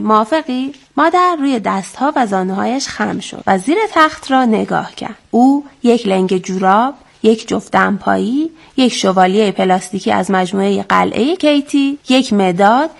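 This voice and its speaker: A woman storyteller in a studio reading a story aloud to children, gentle and expressive. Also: on the high side, gravelly.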